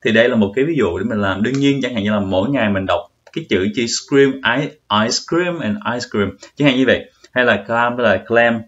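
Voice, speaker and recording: A man's voice: mid-range voice, brisk, hardly any pauses, fairly bright tone. A young man giving a casual pronunciation tutorial in a chatty way, repeating words as he tests himself. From Vietnam. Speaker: vlogger. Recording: dull lo-fi audio.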